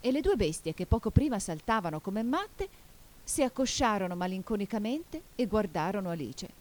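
A woman narrating a storybook audiobook in a measured, expressive way. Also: mid-range voice.

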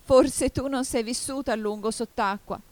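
The Mock Turtle, as a woman reader puts it on, a weepy, mournful sea creature with a much higher, strained voice than her own and a strange, altered tone. It swings between tearful sighs and shrill excitement in an audiobook telling. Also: moderate pace, lightly acted. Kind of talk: audiobook character voice.

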